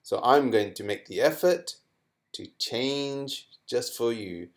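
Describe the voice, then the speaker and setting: A man's voice: medium pitch, lively intonation, takes it slowly. A man voicing a friendly talking letter. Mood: eager. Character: friendly, eager talking letter noon, male.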